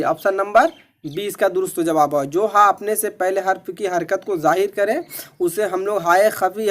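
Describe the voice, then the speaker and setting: Man, high-pitched voice, methodical exam tutor, drills each answer twice. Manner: repeats questions and answers, methodical. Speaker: teacher. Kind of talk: exam-prep lesson.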